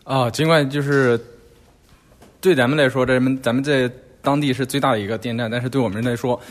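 Chinese company rep man, formal, mid-pitch voice. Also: fairly even intonation, normal speed. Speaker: company representative. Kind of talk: interview answer through interpreter.

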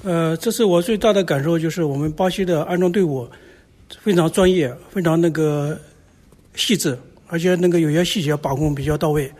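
A man from China on the technical staff, explaining his view in a measured way. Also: fairly high pitch, a little mellow. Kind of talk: interview answer through interpreter.

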